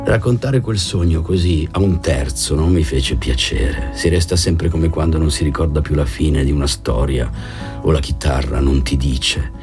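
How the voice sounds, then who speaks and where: A man reading a novel aloud in a calm, measured narration. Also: rumbling low, faint music behind. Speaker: audiobook reader. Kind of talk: scripted narration.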